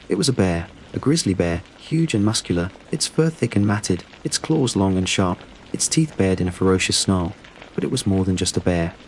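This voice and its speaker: A man reading a scripted horror story in a steady, measured storytelling delivery. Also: fairly low pitch, a little hiss or hum, low-quality recording. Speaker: narrator.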